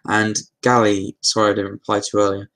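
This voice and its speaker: A man hosting a casual live Q&A, answering viewer questions in a relaxed, meandering way with lots of fillers and restarts. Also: lowish voice, brisk.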